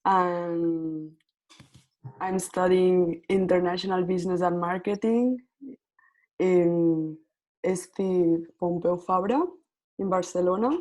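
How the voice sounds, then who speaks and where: A woman's voice: lowish voice, fairly even intonation, slow, darkish tone, poor audio. A young woman from Venezuela, a university student, introducing herself hesitantly on a video call. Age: young adult. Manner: hesitant, giggly, searching for words. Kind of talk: casual self-introduction.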